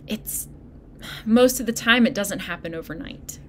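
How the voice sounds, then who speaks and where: A woman pastor giving a sermon, speaking in a gentle, encouraging way straight to her listeners. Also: medium pitch, animated, measured pace, a little hiss or hum. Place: church video recording.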